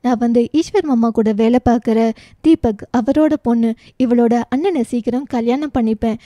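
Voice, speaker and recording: A woman's voice: fairly high pitch, moderate pace, dark tone, dry recording, highs cut off, lightly acted. A woman voicing a brash, cheeky young woman. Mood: teasing. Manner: teasing, boastful banter.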